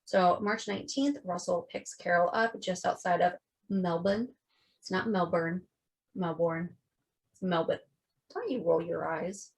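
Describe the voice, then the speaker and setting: A woman's voice: fairly low pitch, normal speed, gravelly. Chatty woman telling a true-crime story. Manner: chatty, swearing, quotes people in voices. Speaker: podcast co-host.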